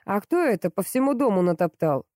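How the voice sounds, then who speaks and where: A woman's voice: mid-range voice, sing-song, a little fast, mellow, no echo, studio quality, natural voice. A woman doing a growling, domineering boss. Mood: furious. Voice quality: growling, gruff. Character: angry blunt rich man, domineering boss.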